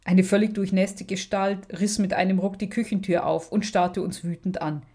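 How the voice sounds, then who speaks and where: A woman narrating a story in the first person with a measured, even reading. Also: medium pitch, husky.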